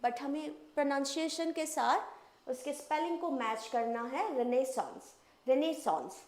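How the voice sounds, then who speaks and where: A woman teacher with a high voice, giving a spelling lesson for exam prep. She talks slowly, says each word again and again, and spells it out letter by letter. The sound is echoey, as in a bare room.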